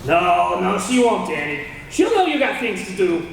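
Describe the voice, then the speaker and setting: In a 1930s radio drama, an actor voices a condemned killer who speaks tough gangster slang, tense and scheming. He uses a full character voice that is high, creaky, and swinging widely in pitch at normal speed. The old recording sounds distant and echoey, with slight background noise.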